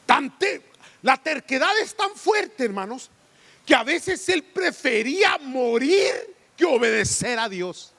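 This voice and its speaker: A man's voice: extremely high pitch, very animated, slow pace, vocal fry, pushed and bright. A man, preaching a sermon as pastor, full of rhetorical questions. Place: church sanctuary. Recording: long church hall reverb.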